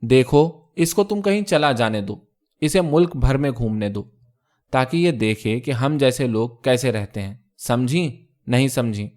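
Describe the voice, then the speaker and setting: A wealthy middle-aged father who mocks and needles his wife, played by a male storyteller. He talks with heavy sarcasm and lingers on his taunts, which come out a little louder than the narration. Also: medium pitch, natural voice. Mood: mocking. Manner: sarcastic, mocking.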